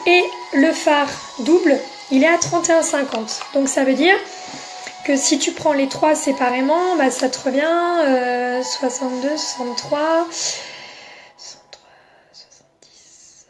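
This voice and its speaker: A woman's voice: sits high, measured pace. A French-speaking woman selling makeup on a casual live stream, chatting and answering viewers by name.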